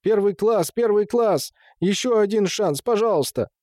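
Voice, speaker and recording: A man's voice: fairly high pitch, lively intonation, unhurried, a little mellow, no echo, studio quality, pitched above the performer's own voice. A man reading an audiobook, voicing a flustered male night watchman who pleads and grovels. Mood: frantic pleading. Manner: imploring, flustered.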